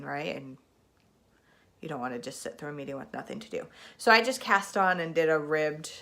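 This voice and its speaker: Her voice sits low and a bit bright. She's a woman in her thirties, seated in a spinning chair at home and recorded by a camera mic, hosting an easygoing knitting podcast while stuffed up with a cold, wandering off topic with many ums.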